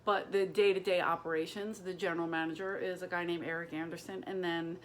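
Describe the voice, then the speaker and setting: Profane, animated woman telling a story. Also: on the low side, fairly quick, slight background noise. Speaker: stand-up comedian. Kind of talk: casual storytelling to camera. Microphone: camera propped on boxes and books.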